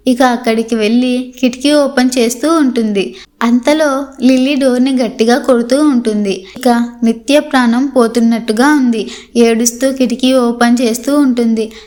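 A woman storyteller narrating a horror story in a steady, dramatic way. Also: a little high, moderate pace.

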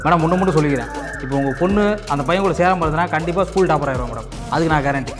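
A man's voice: on the high side, rapid-fire, music in the background, close to an everyday voice. A man playing an impatient schoolteacher who scolds students and lectures a parent in a comedy sketch. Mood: stern. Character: stern scolding male schoolteacher. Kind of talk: Tamil comedy sketch acting.

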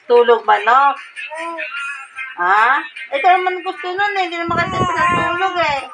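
Mom cooing baby talk at her infant, coaxing sing-song voice, pitched up high. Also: normal speed, rough recording. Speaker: mother. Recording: loud music over the voice.

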